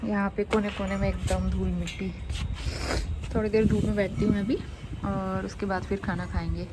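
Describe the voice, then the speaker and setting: A woman's voice: mid-range voice, little pitch movement, very noisy. Chatty woman vlogging at home. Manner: chatty, thinking out loud with pauses. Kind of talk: casual chat to camera.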